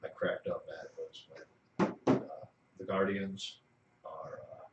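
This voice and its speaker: A man co-hosting a podcast in casual chat, telling favourite scenes with animated delivery and sudden shouted quotes. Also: slow, highs cut off, very noisy. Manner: animated storyteller, bursts into high shouted character quotes. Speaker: podcast co-host. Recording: roomy, distant sound.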